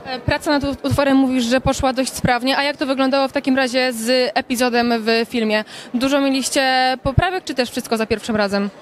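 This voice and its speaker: A young woman reporter putting lively, quick questions to a guest at a cinema premiere, holding a handheld mic. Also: sits high, slight background noise. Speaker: entertainment reporter. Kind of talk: red-carpet interview questions. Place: indoor cinema premiere event, crowded lobby. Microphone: handheld branded reporter mic.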